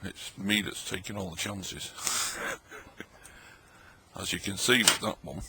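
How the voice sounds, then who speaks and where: Slow and deep with fairly even intonation, a middle-aged man chats and jokes while eating old tinned food at his table late at night. The recording of this rambling, casual vlog is very noisy.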